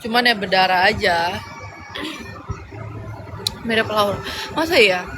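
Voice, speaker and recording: A woman's voice: medium pitch, slow, noisy background. A young woman chatting casually on a livestream, reading out viewer comments and rambling with slangy fillers.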